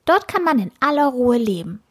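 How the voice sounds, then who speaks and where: A woman voicing a chirpy, know-it-all male sparrow in a children's story, lecturing in a high, breathy voice. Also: sing-song, normal speed, exaggerated voice. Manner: lecturing, bossy.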